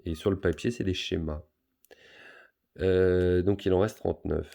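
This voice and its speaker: A man's voice: low voice, fairly even intonation, a little slow, gravelly, dark tone. A man teaching a school math lesson, patiently talking pupils through each step of a word problem with many fillers.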